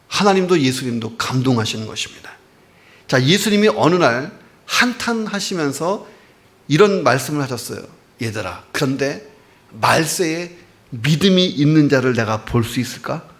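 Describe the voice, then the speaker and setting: A man's voice: a little high, fairly bright tone. A man preaching a sermon as a church pastor, emphatic and often opening his lines with a short "well, now". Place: church sanctuary.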